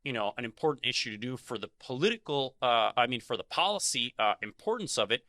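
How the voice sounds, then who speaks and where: A man co-hosting a podcast, speaking in a measured way with many pauses and fillers. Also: medium pitch, lively intonation, pushed and bright, dry recording. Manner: measured, many ums and you-knows. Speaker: podcast co-host. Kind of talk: conversational advocacy discussion.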